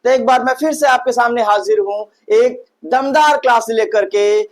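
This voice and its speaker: A man's voice: very high-pitched, moderate pace. A man teaching an online lesson, who repeats each point and asks and answers his own questions. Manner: repetitive, addresses listeners as brother. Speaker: English teacher.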